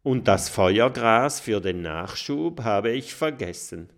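A man voicing a brave, eager little boy dragon in a children's audiobook, often shouting with excitement. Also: lowish voice, takes it slowly. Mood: glum.

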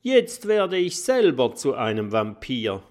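A man voicing a panicky spiny dragon in a storybook reading, shrill and stammering. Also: sing-song, takes it slowly, darkish tone. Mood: flustered. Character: panicky spiny dragon, convinced a vampire bit him.

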